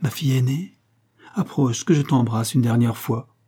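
A man reading the lines of a dying mother, weak, tender and resigned, speaking her slow faltering farewell. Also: medium pitch, warm tone, breathy edge, lightly acted.

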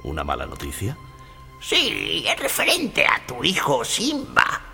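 A man voicing a scheming lion uncle in a storybook audio drama, speaking slowly and slyly with a raspy, gravelly voice. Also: mid-range voice, wildly swooping pitch, pushed and bright, faint music behind, exaggerated voice. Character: scheming lion uncle, sly and falsely caring.

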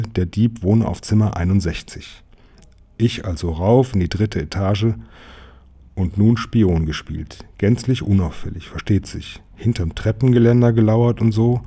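A man reading a children's novel aloud, shifting his voice for the boys' lines. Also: husky. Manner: lively, shifting pitch for quoted boys. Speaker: audiobook narrator. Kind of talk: audiobook reading of a children's novel, voicing the boys.

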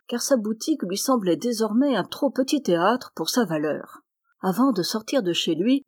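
A woman reads a fairy tale aloud in a steady, measured storytelling voice. Her pitch sits in the middle of the usual range, and the recording is dry and close, with no room sound. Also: no room sound.

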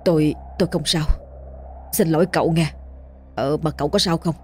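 A woman's voice: low-pitched, normal speed, slight background noise, natural voice. Woman doing a trembling, stammering old village father. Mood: shaken. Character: frightened older village man, desperate father.

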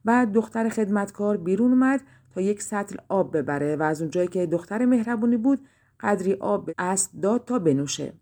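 A woman narrating a fairy-tale audiobook in a calm storytelling manner. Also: mid-range voice.

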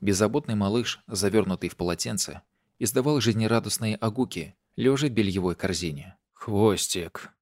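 A man narrating an audiobook in an even, measured storytelling manner. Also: lowish voice, dry recording, clean studio sound. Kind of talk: scripted narration.

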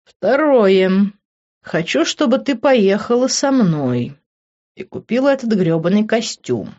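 A woman's voice: medium pitch, big pitch swings, slow, a little mellow, muffled recording, voice pushed up. A woman reading a curt, hot-tempered young man. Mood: teasing. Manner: blunt and irritable, swears.

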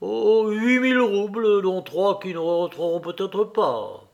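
A man doing a brisk young officer. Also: high voice, gravelly, voice pushed up. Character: confident young male cavalry officer.

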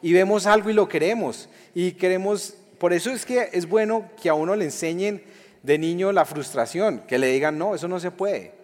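A young man, preaching a lively, conversational sermon with jokes and acted-out quotes. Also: high voice, moderate pace. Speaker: pastor. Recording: long reverb of a large hall.

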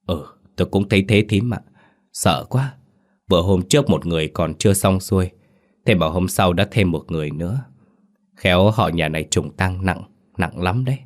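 A man voicing a fearful older village woman gossiping in hushed worry in a spoken horror story. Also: sits low, moderate pace, natural voice. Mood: worried.

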